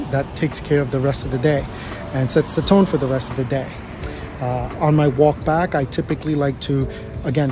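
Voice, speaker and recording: A man in his thirties talking casually to a close phone camera outdoors after a workout, hesitant with many fillers and restarts. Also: fairly high pitch. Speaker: vlogger sharing a personal routine. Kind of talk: casual unscripted talk to camera. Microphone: phone camera held close. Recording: outdoor city noise behind.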